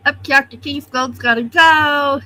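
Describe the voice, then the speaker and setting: Her high voice has a bright, forceful tone, fairly even intonation, and a somewhat slow pace. She's hosting a casual morning livestream at her home computer, reading comments and greeting viewers individually. She sounds a little stuffy.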